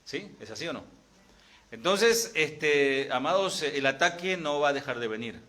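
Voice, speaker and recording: Middle-aged Argentine male pastor, bright, slightly high voice, conversational sermon with frequent rhetorical questions. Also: expressive, a little slow. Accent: Argentine Spanish.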